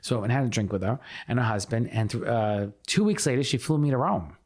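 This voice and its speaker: Man telling a lively interview story. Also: medium pitch, fast. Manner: animated storyteller, often restarts sentences. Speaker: theater producer and playwright guest.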